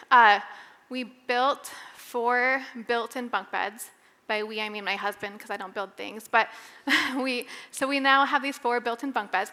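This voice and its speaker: A young adult woman giving a candid personal testimony at a women's Bible study, talking conversationally with fillers and pauses. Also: a little high, bright, forceful tone, long reverb tail. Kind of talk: personal testimony devotional talk.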